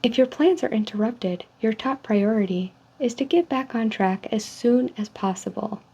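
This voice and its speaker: A woman speaking softly in an ASMR role-play, reading survey statements in a polite, measured customer service manner. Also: a little high, breathy edge. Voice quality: soft, hushed. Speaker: ASMR role-player as call center agent giving a personality survey. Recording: dull lo-fi sound with faint noise.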